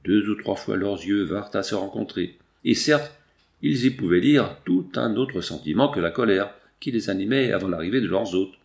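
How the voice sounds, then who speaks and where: A man narrating a nineteenth-century novel as an audiobook, in a measured, expressive reading. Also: on the low side, vocal fry.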